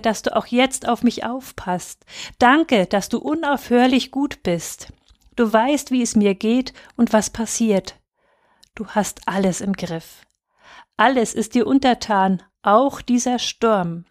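Frightened little boy, soft and earnest, slow; a woman reads him in an audiobook. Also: on the high side. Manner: soft, earnest inner pleading. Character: small frightened boy, fearful yet trusting.

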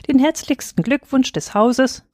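Sprecherin als wichtigtuerischer Hotelober, steif und förmlich. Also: female voice, high-pitched, expressive, a little slow, a little mellow, dry recording, clean studio sound, voice pushed up. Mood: formal. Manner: formal, self-important. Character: stiff, pompous male hotel waiter.

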